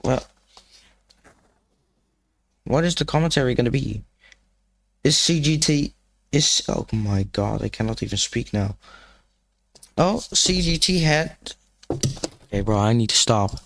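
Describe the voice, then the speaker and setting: Gravelly young man streaming casually. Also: mid-range voice, animated, a little slow, pauses often, fairly bright tone. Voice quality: gravelly morning voice. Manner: rambling, with many fillers and restarts. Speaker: livestream host. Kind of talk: casual live-stream chat. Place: room, alone.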